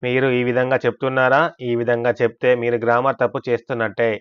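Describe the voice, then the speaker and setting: A man's voice: medium pitch, level tone, fast, clear, resonant tone, dry recording, lo-fi sound. A man teaching English grammar in a scripted lesson, explaining step by step and asking and answering his own questions. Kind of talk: scripted language lesson narration.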